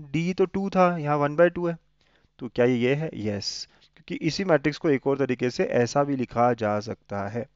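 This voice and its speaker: A man's voice: fairly high pitch, clean tone, dry recording, highs cut off. A man teaching an exam revision maths lesson, coaxing students with frequent checking questions. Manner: coaxing, asks many checking questions, mixes Hindi and English.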